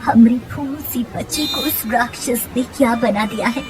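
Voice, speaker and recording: A woman's voice: fairly high pitch, moderate pace, over music, lightly acted, poor audio. A woman voicing a grieving village mother who calls out while crying. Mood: anguished. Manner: crying, calling out.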